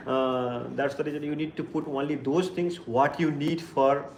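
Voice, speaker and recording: A man's voice: a little high, steady tone, moderate pace, a little hiss or hum. Earnest man. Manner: earnest, repeats "like this kind of things". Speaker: tour leader. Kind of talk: briefing a tour group. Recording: echoey room, faint ambience.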